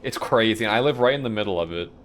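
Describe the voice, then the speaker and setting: A man's voice: fairly low pitch, lively intonation, fast talker, a little hiss or hum. A young man streaming a video game, chatting casually in a rambling, profane way and chuckling often. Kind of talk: casual chat while playing a game live.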